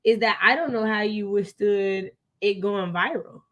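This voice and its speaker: An American woman co-hosts a live book readalong, chatting casually and giving strong opinions with emphasis, often repeating phrases to hammer a point home. Her voice is medium-pitched, a bit bright, and unhurried, and the recording sounds lo-fi.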